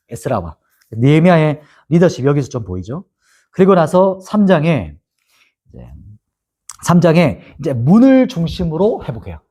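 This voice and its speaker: A man's voice: on the high side, dark tone. A male pastor teaching a Bible lesson, asking his listeners questions and answering them himself. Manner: asks the audience questions and answers them, acts out quoted mockery.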